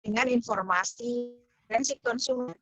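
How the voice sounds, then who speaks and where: A woman's voice: a little high, normal speed, low-quality recording. A woman examiner giving hesitant feedback over a video call whose audio keeps breaking up and cutting out. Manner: hesitant, many fillers. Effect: choppy, breaking-up call audio. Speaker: thesis examiner. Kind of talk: giving feedback in an online seminar.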